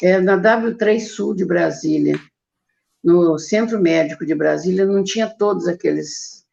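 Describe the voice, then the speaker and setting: An older woman with a Brazilian Portuguese accent and a very gravelly voice, telling a personal testimony and acting out her own quoted words. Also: fairly low pitch, unhurried, darkish tone, lo-fi sound. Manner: storytelling with acted quotes of herself. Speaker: guest giving testimony.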